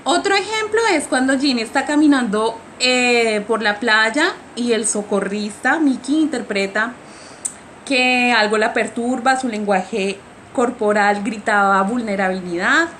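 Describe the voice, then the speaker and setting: A woman's voice: a little high, measured pace, fairly bright tone, slight background noise. A woman giving a film analysis presentation, talking hesitantly with frequent fillers and restarts. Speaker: student presenter.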